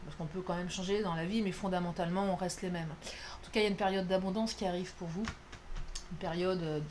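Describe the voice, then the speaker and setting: A woman's voice: fairly low pitch, steady tone, quick pace, darkish tone, slight background noise. A woman doing a casual, playful card reading, chatty and self-mocking with lots of fillers. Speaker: tarot card reader.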